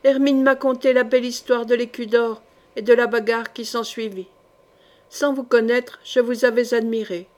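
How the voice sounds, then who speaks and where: Une lectrice prête sa voix à une femme âgée aux cheveux blancs, obstinée et tragique, au ton grave et morne. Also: female voice, on the high side, fairly even intonation, moderate pace, darkish tone, natural voice. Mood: welcoming. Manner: grave, dull denial. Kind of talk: audiobook character reading.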